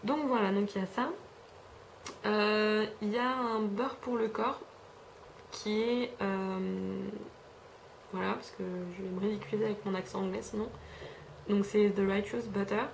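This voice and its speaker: A woman's voice: mid-range voice, steady tone, unhurried, gravelly, pauses often, a little hiss or hum. A young French woman rambling casually through a beauty haul, chatty with lots of fillers and self-corrections, filmed at home on a camera mic. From France. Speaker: beauty vlogger. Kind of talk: casual haul review chat.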